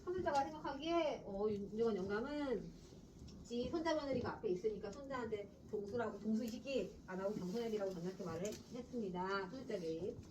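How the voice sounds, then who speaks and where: A woman teaching Korean literature in a lively, chatty classroom lecture, often quizzing her students. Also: medium pitch, brisk. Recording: distant classroom recording, faint noise.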